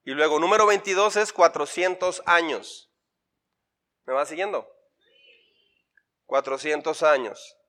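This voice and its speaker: A man with a fairly high, bright voice and a forceful tone stands before a church congregation. He's a pastor guiding an interactive Bible workshop, playfully drilling people through repeated questions and lists.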